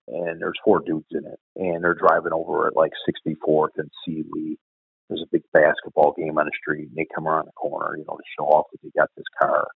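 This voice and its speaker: A middle-aged former cop tells a profane, animated story in a very deep, gravelly voice. The sound is husky and dry. It comes through a thin, phone-like line. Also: male voice, no room sound. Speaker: retired police officer. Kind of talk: storytelling in an interview.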